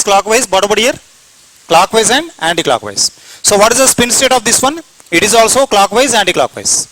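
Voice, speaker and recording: Bright high-voiced Indian chemistry lecturer. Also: male voice, low-quality recording. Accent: Indian English. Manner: repetitive, asks and answers own questions. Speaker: chemistry teacher. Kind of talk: classroom lecture.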